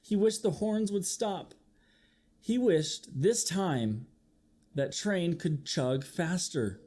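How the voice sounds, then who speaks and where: Reading slowly in a high voice, a man performs an animated children's storybook for young listeners in a teacher's manner. He acts out the sound effects, reads with plenty of expression, and asks the children questions.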